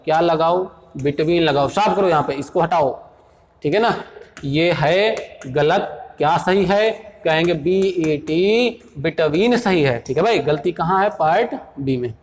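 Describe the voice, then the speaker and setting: A man runs an exam-prep grammar lesson. His voice sits high, and he talks briskly, quizzing students as he goes. He reads the sentences out slowly and explains them fast. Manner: brisk, repeats "देखो भाई" and quizzes students. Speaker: English teacher.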